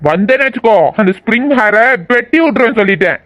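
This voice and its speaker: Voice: mid-range voice, lively intonation, fast, fairly bright tone, highs cut off, lightly acted. A performer voicing a shy young man in love in an audio drama, who speaks in a hesitant, worried way. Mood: doubtful. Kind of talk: amateur audio drama acting.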